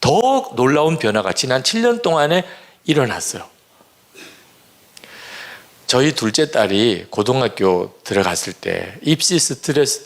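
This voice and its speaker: Man, fifties, pastor, gravelly sermon voice, earnest storytelling. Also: on the low side. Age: 50s.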